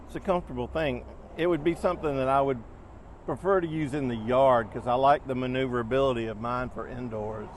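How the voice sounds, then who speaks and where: Man, medium pitch, folksy, casual customer chat, faint outdoor background noise. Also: a little fast. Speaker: customer trying out a scooter.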